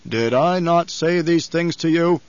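A man's voice: a little high, dry recording, voice pushed up, lightly acted. A man voicing a menacing, imperious old baron. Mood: cold anger. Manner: mocking, deliberate, imperious. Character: menacing older tyrant baron, coldly controlled, scheming. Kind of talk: audiobook character voice. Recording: slightly dull, lo-fi audio.

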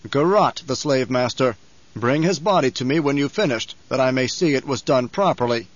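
A man voicing an older tyrant baron for an audiobook, coldly controlled and scheming, with a mocking, deliberate, imperious manner. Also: mid-range voice, dry recording, close to an everyday voice. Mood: menacing calm. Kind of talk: audiobook character voice. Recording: slightly dull, lo-fi audio.

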